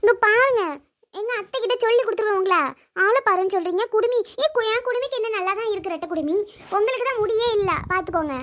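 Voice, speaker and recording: Woman doing a tiny cheeky girl, super squeaky, kanyakumari tamil, talks fast, cartoon. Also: fairly bright tone. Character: cheeky little girl, bold and talkative. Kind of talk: cartoon voice acting.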